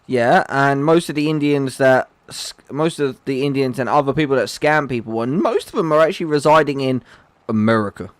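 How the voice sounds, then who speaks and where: A livestream host chats with his gaming viewers in a casual, joking way, addressing people in chat by name. His voice is medium-pitched and fairly quick, and the recording is dry.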